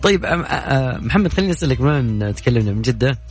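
Fast-talking Saudi radio host. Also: male voice, medium pitch, expressive, faint music behind. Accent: Saudi Gulf Arabic. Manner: chatty, joking with callers. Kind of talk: call-in radio show chat.

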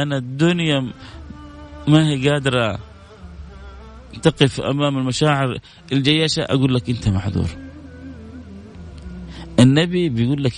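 A middle-aged man preaching a sermon with fervor, repeating exclamations with rising emotion. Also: medium pitch.

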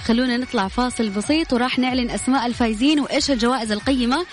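A woman's voice: a little high, very fast. A woman hosting a live radio quiz show, chatting informally and congratulating winners. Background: loud music.

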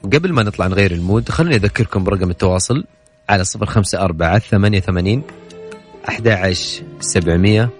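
Fast-talking male radio host. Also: sits low. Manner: friendly and chatty, addresses listeners directly. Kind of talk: late-night radio call-in chat. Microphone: studio microphone. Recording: studio broadcast with faint music bed.

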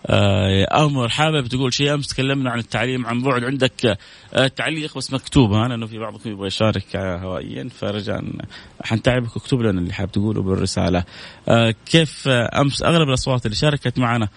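Gravelly man hosting a call-in show. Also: medium pitch, very fast, dry recording. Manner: chatty, reads viewer messages aloud, repeats phrases for emphasis. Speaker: host of a religious call-in show. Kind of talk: casual broadcast talk with religious advice.

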